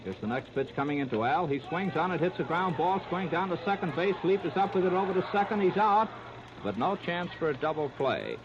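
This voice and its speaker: The announcer's fairly high voice is expressive and a little fast as he calls live baseball for 1930s radio in short, clipped, present-tense phrases. Hiss and noise sit clearly over the muffled old recording.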